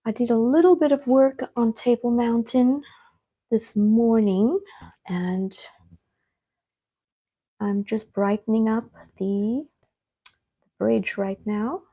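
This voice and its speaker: A woman's voice: fairly high pitch, slightly rough, dull audio. A middle-aged woman from Cape Town, chatting to viewers while painting on a live stream. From Cape Town, South Africa. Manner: chatty, speaks straight to viewers, unhurried. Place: home art studio.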